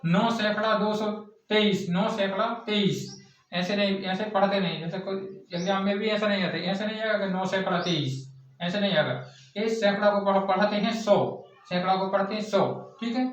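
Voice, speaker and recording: A man's voice: high-pitched, steady tone, fairly quick. A male teacher drilling a math lesson, asking questions and answering them himself in a repetitive classroom style. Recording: echoey distant lo-fi classroom recording.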